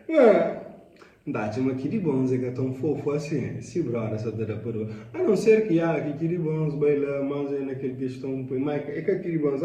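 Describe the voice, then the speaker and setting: A man's voice: medium pitch, warm tone, echoey room, recorded from a distance. A man giving casual, opinionated commentary on a video clip, talking loosely in slang and dropping in English phrases.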